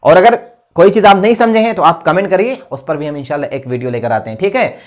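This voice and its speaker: A man talks through an English grammar lesson, his voice sitting a little high. He explains patiently, repeating key points and checking in often with his students. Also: expressive, fast talker. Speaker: English teacher.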